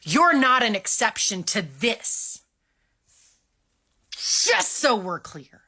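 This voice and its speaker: Woman, high lively pitch, slow, bitter social media rant. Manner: bitter, emphatic.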